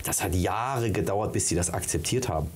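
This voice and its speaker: A man's voice: sits low, a little fast, a little hiss or hum. A man from Iran hosting a casual talk show conversation, asking questions and joking around. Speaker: host.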